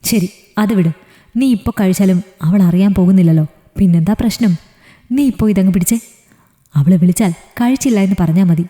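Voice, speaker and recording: A woman's voice: mid-range voice, brisk, long pauses, dark tone, close to an everyday voice. A woman storyteller voicing a young man who coaxes and mocks his friend. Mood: coaxing. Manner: coaxing, mocking. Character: young man, pushy mocking drinking buddy. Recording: reverberant echoey room.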